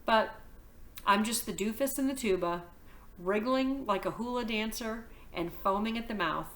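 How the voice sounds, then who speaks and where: A woman, a teacher reading a novel aloud to her class, telling the story in a lively, expressive way. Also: on the high side, normal speed.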